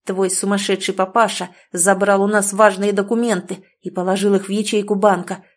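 A woman's voice: mid-range voice, little pitch movement, a little fast, close to an everyday voice. A woman reading the lines of a pushy, scornful young male fiancé in an audiobook, with a demanding, sneering manner.

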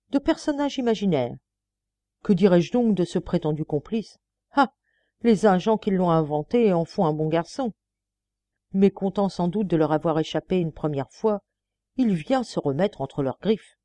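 A woman's voice: medium pitch, warm tone, no echo, close to an everyday voice. A woman reading the part of a defiant, ironic male murder suspect under questioning. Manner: mocking, then indignant pleading.

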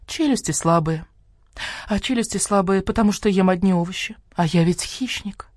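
A woman's voice: moderate pace, darkish tone, dry recording, clean studio sound, natural voice. A woman voicing a coy, vain vixen in a storybook who plays helpless and whines. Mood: sulky. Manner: coy, whiny, shrill at times.

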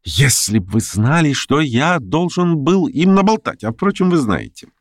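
A man voicing an eager, fast-talking young man who fawns and chatters in a lively, excitable patter. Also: a little high, dry recording, studio quality, pitched above the performer's own voice. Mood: excited. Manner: rapid, excitable, wheedling patter. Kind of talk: audiobook character voice.

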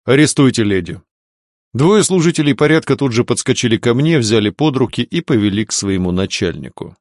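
Animated male audiobook narrator. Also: medium pitch, fairly quick, no echo, studio quality. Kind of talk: first-person scripted narration.

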